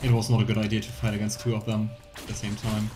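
A man in his thirties, a game streamer, delivers chatty, casual let's play commentary from a small indoor room with game music behind him. His fairly low voice is monotone and fast, carrying a wry, mock-complaining tone.

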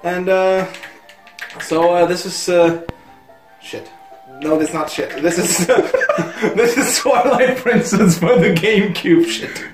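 A man's voice: sits high, takes it slowly, over music. Man hosting a casual game reaction. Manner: hesitant, full of fillers, laughing. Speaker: host. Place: home room with a TV. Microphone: phone camera held by a friend. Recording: roomy phone-camera recording.

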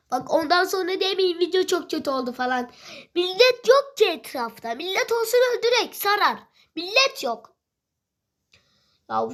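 A woman giving casual commentary while playing a game, impatient and grumbling, repeating herself and shouting excitedly when a fight starts. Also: very high-pitched. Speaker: gamer.

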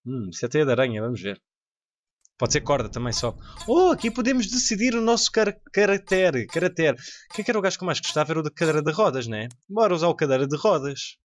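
A young man with a European Portuguese accent, commentating a game excitedly, laughing and swearing often. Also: fairly high pitch, quick pace, a little hiss or hum. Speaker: gaming YouTuber. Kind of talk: let's play commentary.

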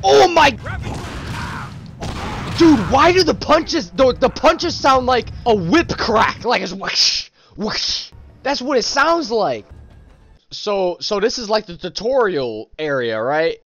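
A man doing casual, slangy gaming commentary as a loud, excitable frat bro, whooping and exclaiming, his voice strained from yelling. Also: very high-pitched, slow. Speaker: let's play streamer. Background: game music and sound.

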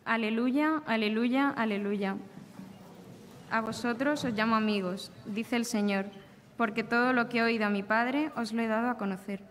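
A woman with a fairly high voice reads scripture at Mass in a slow, solemn cadence. Her words ring out through the long echo of a large shrine chapel, each phrase trailing off into the vaulted space. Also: a little hiss or hum. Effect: long cathedral-like reverb. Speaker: lector reading at Mass. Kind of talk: liturgical reading of scripture and psalm. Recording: echoey shrine chapel reverb.

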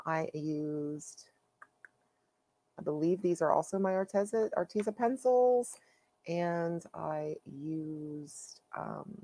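A woman hosting her own coloring channel, chatting casually and haltingly with plenty of fillers as she shows her finished pages. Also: low voice, warm tone. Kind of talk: casual show-and-tell.

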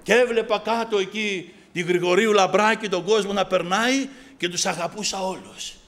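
A man preaching with a high, bright voice. He tells his own story with strong feeling, dropping to a near hush and then rising to loud, fervent exclamations. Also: steady tone. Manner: emotional storytelling, swings between hushed and loud exclaiming. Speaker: preacher giving testimony. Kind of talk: sermon testimony.

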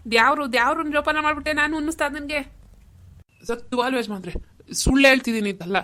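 A woman's voice: high-pitched, fast talker, bright, forceful tone. A woman voicing a kindly, humble male village healer in a cartoon, earnest and respectful. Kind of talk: cartoon voice acting.

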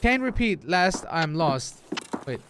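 A Danish live game streamer chats casually with his viewers, speaking in slangy, profane, repetitive bursts with a slightly high voice, wide pitch swings and a slow pace. He's in an indoor streaming room, wearing a headset with a close desk mic, and the background is noisy.

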